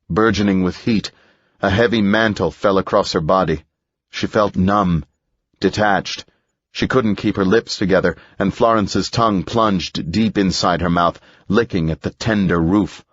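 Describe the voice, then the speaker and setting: Deep husky man narrating an audiobook. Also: no room sound, dull audio.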